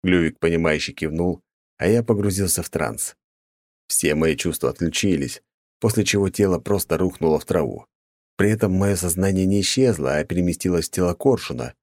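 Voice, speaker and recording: Deep voiced guy narrating a story in first person, steady, dry sound. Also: brisk, no room sound. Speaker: audiobook narrator.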